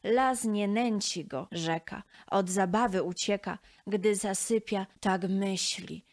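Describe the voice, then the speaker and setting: A woman narrating a rhyming children's story aloud in a slow, expressive, sing-song manner. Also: medium pitch.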